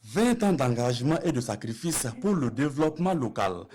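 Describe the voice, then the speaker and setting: A man's voice: medium pitch, very animated, normal speed, a little mellow. A man narrating a television news report with a formal delivery.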